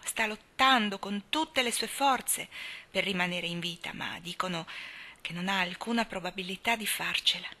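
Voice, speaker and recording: A woman's voice: medium pitch, moderate pace, sharp tone. A woman reading aloud, voicing an earnest, emotional young woman talking to her close friend. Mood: worried.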